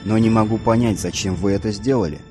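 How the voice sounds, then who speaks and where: A man reading an audiobook, voicing a small, calm, stern bearded warrior who speaks firmly. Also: lowish voice, fast, music in the background, natural voice.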